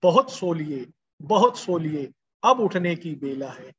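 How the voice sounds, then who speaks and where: A man's voice: a little high, lively intonation, takes it slowly, a little hiss or hum. An older man giving a spiritual discourse, repeating his calls to rise in chant-like refrains. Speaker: spiritual speaker. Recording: dull lo-fi recording.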